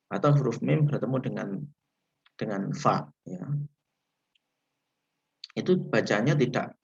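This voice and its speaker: A man from Indonesia teaching Quran recitation rules in a livestreamed lesson, patient and repetitive, saying "ya" after nearly every phrase and drawing out the recited Arabic examples slowly. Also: mid-range voice, gravelly, muffled recording. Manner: slow, patient, repeats points with frequent "ya".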